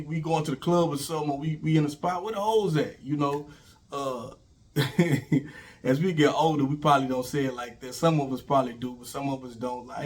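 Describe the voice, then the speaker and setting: A middle-aged man with a fairly high-pitched voice sounds sick and slightly raspy. Hosting his own YouTube channel, he rambles informally through relationship advice, using many fillers.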